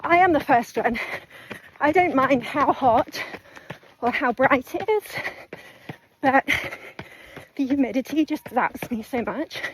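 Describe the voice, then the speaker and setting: Female vlogger, breathless while running, higher-pitched voice, unhurried broken phrases, faint outdoor noise. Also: lively intonation. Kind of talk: casual vlog talk to camera. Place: outdoors on the move. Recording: noisy outdoor running recording.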